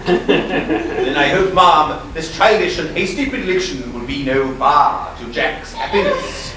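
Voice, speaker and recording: A man's voice: on the high side, measured pace, pushed and bright. A man playing a blustering, hot-tempered old baronet in a stage play, bellowing impatiently. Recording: echoey hall, far from mic, noisy.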